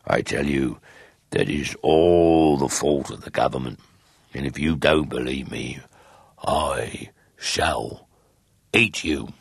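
A man voicing a gruff male wolf in a storybook reading, growling and grumbling. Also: rumbling low, slow, no echo, studio quality, voice pushed down, heavily acted. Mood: menacing. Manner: growling, menacing.

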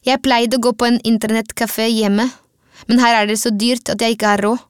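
Woman voicing an awkward young stable hand with a Latvian accent, blunt, halting lines, dry sound, storybook reading. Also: on the high side, little pitch movement, clean tone, no room sound, close to an everyday voice.

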